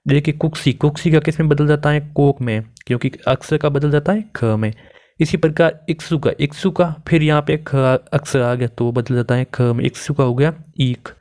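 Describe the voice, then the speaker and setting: A man's voice: mid-range voice, darkish tone. A young man giving an exam-prep grammar lesson, asking questions and then answering them himself. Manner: asks and answers his own questions. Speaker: Hindi grammar teacher.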